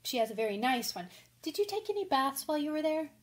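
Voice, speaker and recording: High-voiced, impulsive Jo March, acted by a woman. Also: sing-song, fast talker. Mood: chatty, flustered. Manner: breathless, rambling, candid. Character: impulsive, frank, chatty tomboyish young woman writer. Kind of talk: radio drama acting.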